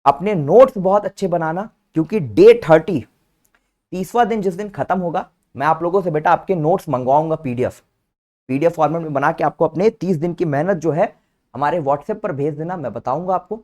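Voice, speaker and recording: A man's voice: fairly high pitch, a little fast, darkish tone. A male teacher giving an online vocabulary lesson, patiently spelling each word out letter by letter and calling his students "beta" in a fond, coaxing way. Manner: calls listeners "beta" fondly.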